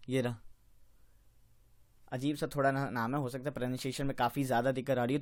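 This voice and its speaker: A man teaching a geography map lesson, repeating country names slowly and correcting his own slips as he goes. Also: a little high. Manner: repetitive drilling, slows on tricky country names; self-correcting, apologizes for slips. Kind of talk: exam-prep map lecture.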